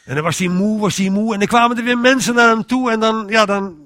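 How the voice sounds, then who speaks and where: A man's voice: sits high, quick pace, pushed and bright, no echo, clean studio sound. A man giving an informal sermon in a conversational way, often restarting his sentences and acting out inner voices. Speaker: preacher.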